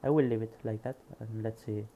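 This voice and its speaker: A Spanish man with a lowish, fairly even voice reads a programming book aloud at a brisk clip, then quietly muses and mutters to himself as he tries things out. It's a casual screen-recorded session of reading and coding, captured at phone quality with slight background noise.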